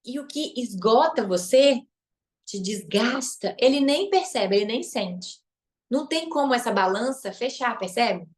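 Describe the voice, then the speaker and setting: A woman's voice: on the high side, expressive, a little slow. A woman with a Brazilian Portuguese accent, a relationship coach and therapist, teaching a live online masterclass. She is emphatic, repeats key phrases and tacks on tag questions.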